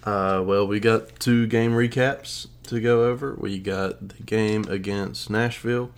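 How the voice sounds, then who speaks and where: Deep-voiced man co-hosting a sports podcast. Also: fairly even intonation, unhurried. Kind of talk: casual sports podcast banter.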